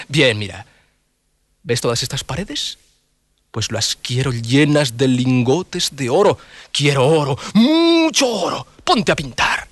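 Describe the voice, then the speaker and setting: A man's voice: medium pitch, big pitch swings, slow, a bit bright, no room sound, heavily acted. Man putting on a blustering greedy emperor. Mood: gloating.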